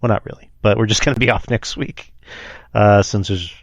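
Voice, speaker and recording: A Texan man co-hosts a podcast Q&A, joking and rambling loosely in easygoing chat full of fillers. His voice is lowish and brisk with fairly even intonation, and the recording sounds dull, with no room sound.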